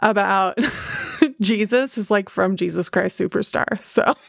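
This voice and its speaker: A woman's voice: mid-range voice, measured pace, creaky, dry recording. Woman, Midwestern accent, podcast host, casual chat, filler-heavy, dry recording. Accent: Midwestern American. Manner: chatty, frequent "like" fillers, laughs often.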